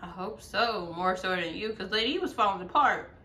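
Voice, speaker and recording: A woman hosting a reaction video, chatty and exclaiming, quick to laugh at what she watches. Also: medium pitch, animated, sharp tone. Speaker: video host reacting to a series. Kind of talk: casual reaction commentary.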